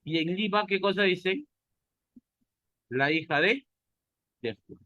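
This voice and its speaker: Lecturing in a Peruvian Spanish accent, this teacher from Peru asks his class questions and then supplies the answers himself. He speaks slowly in a high-pitched, bright, forceful voice. The recording is muffled, with no room sound.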